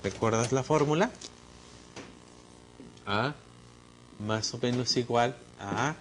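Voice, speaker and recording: A man's voice: mid-range voice, slow, a bit bright, slight background noise. A male teacher, explaining concepts step by step in an online lecture and speaking directly to the student.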